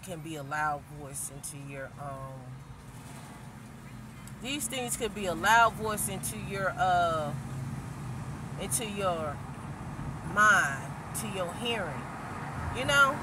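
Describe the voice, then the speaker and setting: A vlogger talks through a casual spiritual pep talk, circling back and repeating points in slangy, heartfelt speech. The voice sits at a middle pitch and is picked up from well away from the mic. Heavy street and car noise fills the background. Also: animated, slow, pauses often, far from the mic. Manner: rambling, repeats itself, slangy and earnest.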